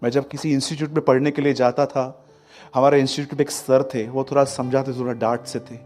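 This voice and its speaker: A man preaching a sermon, telling stories and swinging between loud and hushed delivery. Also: medium pitch, fairly quick, soft background music. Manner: lively storytelling, acting out quotes, swings from loud to hushed. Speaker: pastor.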